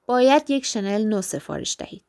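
A woman's voice: mid-range voice, sing-song, vocal fry, a little mellow, dry recording, clean studio sound. A woman voicing a blunt, dismissive male tailor in a storybook reading. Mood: curt.

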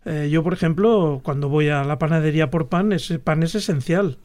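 Reflective man with a higher voice. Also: normal speed, darkish tone. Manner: reflective, frequent tag questions. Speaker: guest artist. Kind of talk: radio panel talk.

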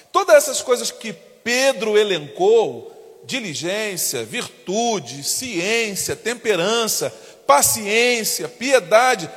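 High-voiced Brazilian pastor preaching in a reverberant hall. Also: male voice, slightly rough. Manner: impassioned preaching, acts out quoted voices, bursts into shouts. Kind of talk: sermon. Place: church. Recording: long church hall reverb.

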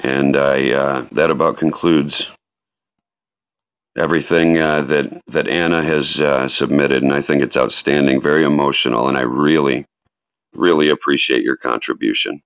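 With a steady bass voice, vocal fry and a fairly bright tone, a live podcast host moves at a moderate pace between a grave tribute reading and relaxed call-in talk. The room echoes and the sound is dull and lo-fi.

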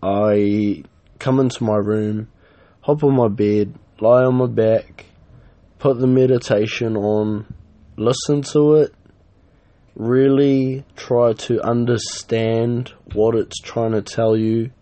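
A man's voice: medium pitch, slow pace. A man hosting his own podcast, talking casually and rambling, with lots of "uh" and "um" fillers. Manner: relaxed, rambling, many fillers. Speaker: podcast host. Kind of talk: casual solo podcast talk.

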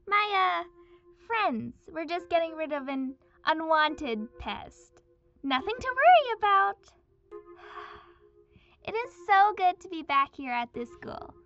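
A woman's voice: sits high, sing-song, takes it slowly, fairly bright tone, heavily acted. Woman voicing a smug inhuman cult leader on cassette tape. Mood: gleeful smug. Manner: chirpy, mock-sweet, sarcastic asides. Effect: played from a cassette tape. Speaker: stand-in valedictorian. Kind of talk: fan audio drama acting. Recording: dull lo-fi tape with faint music.

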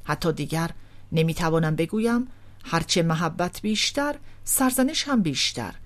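Woman reading a proud touchy old nobleman, voice jumping all over, low and mellow underneath. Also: big pitch swings. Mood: tender, sorrowful. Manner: theatrical, swings from scolding to tender. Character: haughty, volatile older aristocratic man. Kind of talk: audiobook reading of a novel.

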